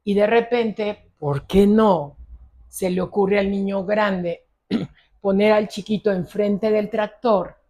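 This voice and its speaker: Speaking slowly in a warm, mid-range voice, a middle-aged ADHD psychologist with a Mexican accent narrates a case in an interview-style conversation. She acts out the exchanges between the people involved.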